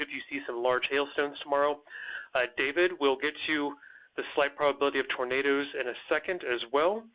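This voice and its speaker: A man hosting a live weather Q&A, answering viewer comments in an earnest, slightly stammering way with plenty of fillers. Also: a little high. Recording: tinny phone-like audio.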